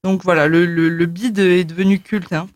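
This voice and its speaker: A woman's voice: fairly low pitch, fairly even intonation, moderate pace, no echo. A woman co-hosting a radio show, chatting casually with lots of fillers and laughter. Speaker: radio co-host.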